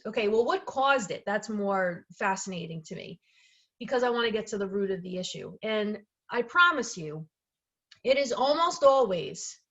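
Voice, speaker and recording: A woman's voice: on the high side, fairly bright tone, dull audio. A woman who works as a medical intuitive and energy healer, explaining her methods in an informal, chatty talk, often restarting phrases and checking in with the listener. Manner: chatty, self-correcting, frequently checks in with "okay" and "right".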